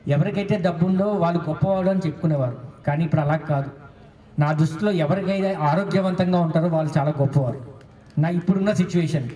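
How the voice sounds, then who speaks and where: A man's voice: sits high, dark tone. A man, a former national volleyball player, giving an earnest motivational speech with a personal story, mixing in English phrases. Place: school event hall. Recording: echoey hall, voice from far off.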